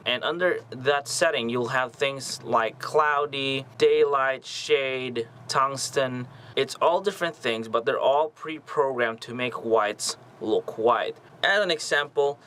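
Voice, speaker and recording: A young man with a bright, forceful, medium-pitched voice hosts a casual photography tutorial from a small home studio with lights, explaining camera settings. He's friendly and keeps checking in with the viewer by asking "okay?" The audio quality is poor.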